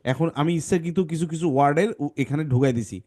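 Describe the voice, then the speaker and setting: A man's voice: a little high, fast talker, darkish tone. Patient man teaching phonics. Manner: patient, corrects pronunciation by breaking words into sounds. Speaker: English teacher. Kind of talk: online class teaching phonics to kids.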